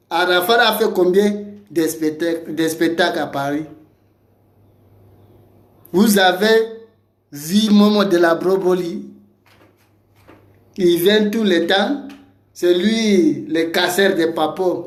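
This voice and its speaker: Slow, taunting man in an echoey room. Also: sits high. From Cameroon. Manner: taunting, combative, repeats insults and challenges. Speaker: online commentator. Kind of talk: ranting video message. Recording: roomy echo.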